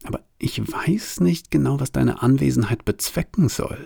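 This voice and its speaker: A man playing placid, soft-spoken Composure. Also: mid-range voice, moderate pace, vocal fry, husky, no echo, studio quality, pitched above the performer's own voice, exaggerated voice. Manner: calm, shrugging, softly spoken. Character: unbothered, placid personified Composure. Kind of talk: audiobook reading.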